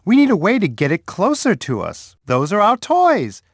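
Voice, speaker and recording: A man voicing Bear, a big, friendly bear who guides young children through an edutainment game, talking to them warmly and patiently. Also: high voice, huge pitch swings, moderate pace, slightly rough, dry recording, studio quality, exaggerated voice. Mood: friendly, coaxing. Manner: warm, patient, talks straight to a young child. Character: big friendly male bear host, gentle and encouraging.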